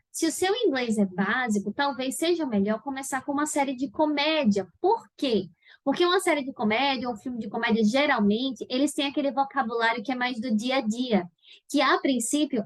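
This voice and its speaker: A high-voiced woman with a Brazilian Portuguese accent, teaching in a patient, didactic way. She keeps checking that her viewers follow along. The recording is close and dry. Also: animated, fairly quick, dry recording. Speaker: English teacher. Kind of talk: video lesson explaining study steps.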